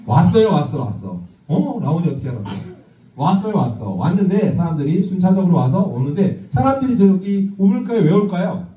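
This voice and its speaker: Man pastor, children's sermon, animated storyteller; distant, dull-sounding mic. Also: high-pitched, normal speed. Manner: lively, asks the children questions and acts out voices. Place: church hall. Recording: distant, echoey, dull church recording.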